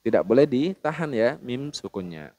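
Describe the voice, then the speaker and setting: A man teaching Quran recitation rules, explaining plainly and then chanting each verse slowly and melodically. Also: mid-range voice, big pitch swings, mellow, no room sound. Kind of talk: tajwid lesson with chanted recitation.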